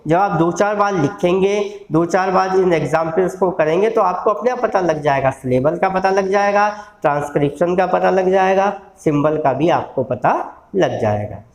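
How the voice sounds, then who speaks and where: A man giving a recorded lecture, slowly stretching out word sounds and encouraging his students. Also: high voice. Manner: slow, drawn-out sounding of syllables, encouraging. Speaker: law college lecturer. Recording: echoey room.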